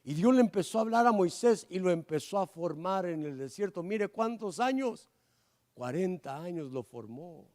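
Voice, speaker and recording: High-voiced fervent preacher man. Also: lively intonation, normal speed. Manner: fervent preaching, swinging between loud pleas and low asides. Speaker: pastor. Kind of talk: sermon.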